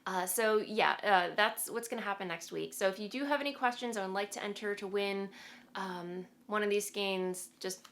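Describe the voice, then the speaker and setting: A woman's voice: medium pitch, moderate pace, fairly bright tone, slight background noise. Woman, knitting vlog host, congested and nasal from a cold, loose rambling chat. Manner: chatty and rambling, with fillers and laughs. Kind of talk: casual chat to camera.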